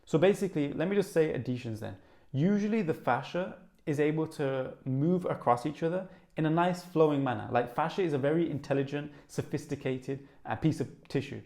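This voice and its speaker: A young man with a Birmingham accent, talking fast and eagerly to camera as a wellness vlogger, with lots of "like" fillers. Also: fairly high pitch. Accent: Birmingham (Brummie). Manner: fast, excited, animated, with many "like" fillers. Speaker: wellness YouTuber. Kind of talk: casual vlog talk to camera.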